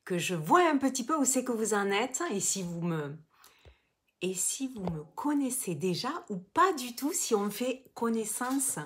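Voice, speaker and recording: A woman's voice: on the high side, animated, measured pace, a bit bright, a little hiss or hum. Chatty southern French woman coach. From Toulouse, southern France. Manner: chatty, greets viewers by name, reads comments aloud. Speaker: business coach. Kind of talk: live online masterclass.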